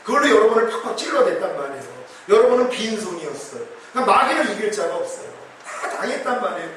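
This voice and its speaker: A man's voice: high-pitched, very animated, fast, a bit bright, slight background noise. A male pastor preaching an emphatic revival sermon, acting out quoted prayers. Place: church hall. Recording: very echoey hall, distant mic.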